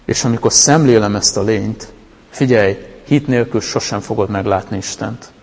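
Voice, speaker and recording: Male preacher, conversational sermon delivery, gravelly texture, long hall reverb. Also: fairly low pitch. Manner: conversational, with many restarts and fillers. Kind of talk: informal sermon talk.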